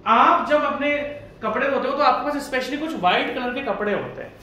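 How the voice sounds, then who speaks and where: Male tutor, high voice, chatty, asks and answers himself, very echoey room, mic at a distance. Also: fairly quick, pushed and bright. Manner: chatty, asks and answers his own questions. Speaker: engineering exam tutor. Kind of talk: casual Hindi lecture. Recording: echoey room from far off, faint hiss.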